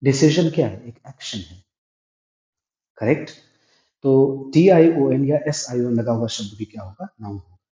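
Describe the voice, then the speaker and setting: A man with a warm, medium-pitched voice teaches classroom-style English grammar at a moderate pace, pausing often. Step by step, he poses questions and answers them himself. The room is echoey and the sound dull and lo-fi.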